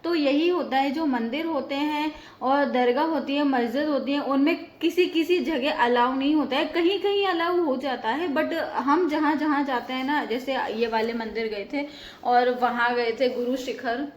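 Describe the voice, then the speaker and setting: A woman's voice: sits high, moderate pace, echoey room. A woman hosting a casual home vlog, chatting to viewers and explaining at length with many fillers. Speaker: vlogger host. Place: home balcony.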